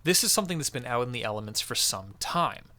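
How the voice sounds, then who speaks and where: A man's voice: medium pitch, lively intonation, quick pace, pushed and bright. A man hosting a crafting tutorial, narrating the build in an encouraging, jokey way.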